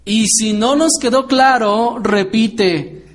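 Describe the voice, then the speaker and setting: A man with a high voice delivers a sermon-style Bible lesson to a congregation, taking his time. He explains things patiently and poses rhetorical questions to his listeners.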